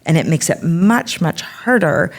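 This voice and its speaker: Low-voiced woman physician explaining calmly. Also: creaky. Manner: explanatory, measured. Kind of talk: expert interview.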